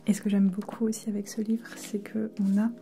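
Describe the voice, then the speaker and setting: A woman whispers as if in a library, in casual ASMR book chat. Her tone is very dark and relaxed, with little rise or fall in pitch. Faint music plays behind her. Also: fairly quick, creaky. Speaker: ASMR book collector presenter.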